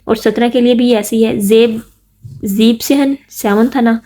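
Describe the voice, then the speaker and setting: A woman's voice: on the high side, steady tone, warm tone. A woman giving a casual spoken lesson, spelling words out letter by letter and asking listeners to repeat after her. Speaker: language teacher.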